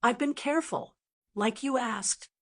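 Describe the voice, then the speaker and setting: A woman's voice: a little high, measured pace, a bit bright, pitched above the performer's own voice. A woman voicing a knowing, sarcastic young female assistant with dry wit. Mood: wry.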